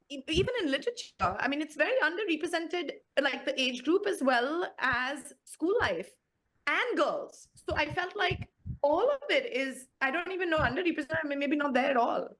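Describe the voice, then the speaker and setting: A woman in her forties speaks in a high voice with an Indian English accent. Her interview answer is unscripted and halting as she searches for words. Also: expressive, fairly bright tone. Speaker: show creator.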